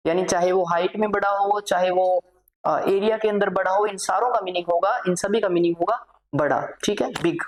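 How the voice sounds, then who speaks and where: A woman's voice: mid-range voice, moderate pace, low-quality recording. A woman teacher giving a vocabulary lesson for exam students, explaining English words in Hindi and repeating each word while she dictates lists.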